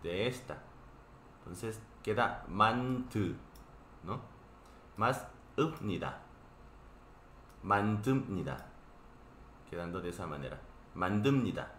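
A man's voice: fairly low pitch, lively intonation, slow pace, long pauses, fairly bright tone, roomy sound, slight background noise. A man with a Korean accent teaching a live online Korean class, explaining patiently and checking in often with his students.

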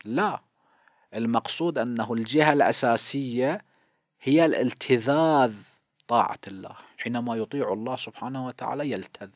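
A cleric in his fifties from Iraq teaches a seminary lesson with an Iraqi Arabic accent, explaining each point and posing questions he then answers himself. His medium-pitched, mid-range voice is fairly quick, and the recording is dry and close, with no echo and little room sound.

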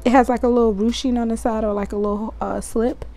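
A young woman, chatting excitedly to her viewers as she shows off her clothing haul. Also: on the high side, quick pace, rough recording. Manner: chatty, hyped, talks straight to viewers. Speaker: fashion vlogger. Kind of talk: casual haul vlog.

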